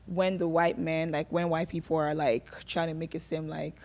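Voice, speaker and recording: This Nigerian woman's voice sits low and darkish, staying fairly flat in pitch at a normal pace. Appearing as a guest in a relaxed podcast interview, she rambles chattily, leans heavily on fillers, and laughs a lot.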